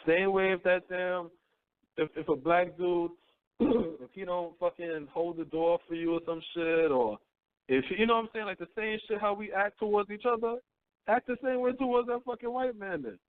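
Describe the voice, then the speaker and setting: A man's voice: high-pitched, normal speed, no echo. A man in his thirties hosting a call-in radio show, talking bluntly and profanely, preaching and often asking "you know what I'm saying.". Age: 30s. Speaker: radio host. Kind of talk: casual call-in radio talk. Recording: tinny phone-line audio.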